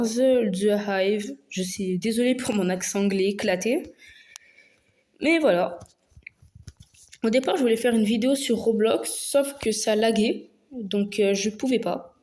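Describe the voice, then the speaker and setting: A woman's voice: fairly high pitch, a little mellow. A woman hosting a gaming video, talking through her gameplay casually and hesitantly, with lots of fillers and restarts. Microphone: phone.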